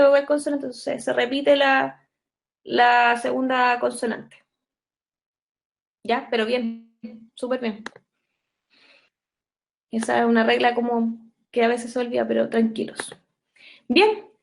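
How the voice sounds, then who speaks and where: Her voice sits on the high side as she, a young woman with a Chilean Spanish accent, explains English grammar to an online class. Patient throughout, she keeps pausing to make sure everyone is following.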